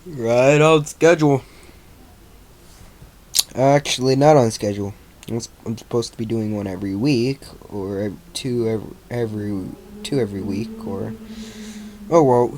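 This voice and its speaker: A man reading his own fan fiction aloud in a halting, stumbling, casual way. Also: mid-range voice, dark tone. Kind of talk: amateur story reading.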